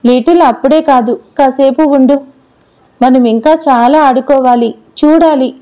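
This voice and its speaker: A playful, doting grown man teases and coaxes a little girl in a storybook, voiced by a woman. The voice stays high and mellow and does not drop to a man's range. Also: fairly even intonation, moderate pace, natural voice. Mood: warm. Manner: teasing, coaxing.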